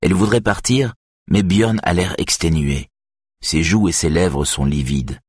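A man reading an audiobook in measured, even scripted narration. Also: low voice, breathy edge, no room sound, clean studio sound.

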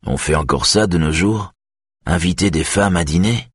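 A man reading a novel aloud, voicing an adult man who is tense, troubled and answers calmly in short lines. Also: deep voice, normal speed, breathy edge, no echo, clean studio sound. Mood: guarded. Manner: calm, terse replies.

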